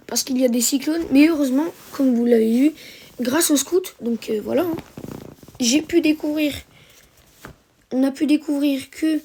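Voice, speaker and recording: Woman, high mellow voice, walking viewers through a strategy match with lots of "uh"s and restarts. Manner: hesitant, many fillers and self-corrections. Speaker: gameplay commentator. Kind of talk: narrated strategy game replay commentary.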